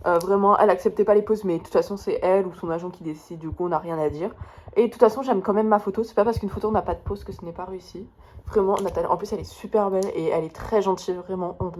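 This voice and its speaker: A teenage girl vlogs from her bedroom, chatting casually and enthusiastically to the camera about her souvenirs and rambling as she goes. Her voice is lowish and a little mellow, with a little hiss or hum in the recording.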